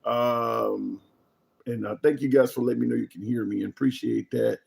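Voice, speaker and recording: A man's voice: medium pitch, steady tone, moderate pace, gravelly, a little mellow. A man hosting a casual live political commentary stream, speaking bluntly and informally, with some swearing and repeated phrases for emphasis.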